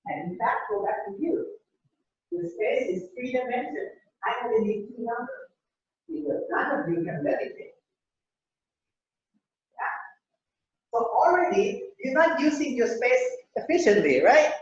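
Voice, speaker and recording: A man's voice: very high voice, sing-song, unhurried, pauses often, a little hiss or hum. A man giving a rambling classroom lecture, often repeating words and checking in with the class. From Thailand. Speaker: university lecturer. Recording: very echoey hall, dull lo-fi sound.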